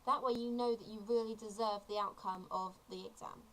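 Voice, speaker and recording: A woman's voice: mid-range voice, fairly even intonation, fairly quick, fairly bright tone, rough recording. A seventeen-year-old woman, chatty and earnest, explaining a topic in a casual tutorial vlog. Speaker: vlogger.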